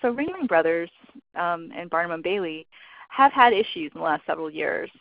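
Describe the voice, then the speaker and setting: A woman's voice: on the low side, animated, brisk. A woman giving a fundraising webinar presentation in a casual, conversational way, with lots of fillers. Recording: dull lo-fi dry webinar audio.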